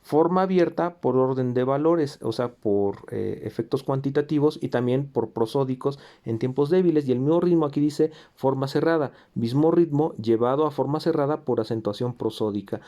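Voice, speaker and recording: A man's voice: medium pitch, normal speed, hardly any pauses, warm tone. A man teaching a recorded music theory lesson, explaining patiently with fillers and self-corrections. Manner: sings rhythms in syllables.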